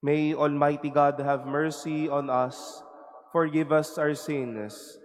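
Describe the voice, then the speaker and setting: A man with a Filipino accent leading Mass as a priest, reciting prayers in a measured, solemn way, his voice carrying the echo of a cathedral. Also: on the high side, fairly even intonation. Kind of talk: liturgical prayer. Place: large cathedral. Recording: long reverb in a cathedral, faint noise.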